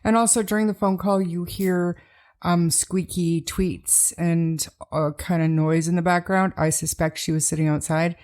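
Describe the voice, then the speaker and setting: Female podcast host, low warm voice, casual and hesitant. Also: steady tone, moderate pace. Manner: hesitant, many ums and restarts.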